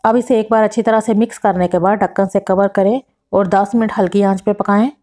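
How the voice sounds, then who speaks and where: Woman narrating a home recipe. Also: medium pitch. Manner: steady step-by-step instructions with measured quantities. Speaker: cooking channel host.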